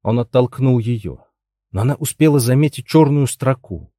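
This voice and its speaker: A man narrating a story in a measured reading style, close to the mic. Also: medium pitch, expressive, warm tone, no echo. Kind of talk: audiobook narration.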